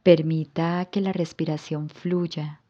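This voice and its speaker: A woman yoga instructor guiding a yoga nidra relaxation with soft, calm instructions. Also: deep voice, slow, lo-fi sound.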